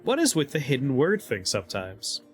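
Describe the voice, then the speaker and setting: A man streaming a video game, chatting casually and excitably with his audience, laughing often and reading the game's text aloud. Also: medium pitch, normal speed, faint music behind.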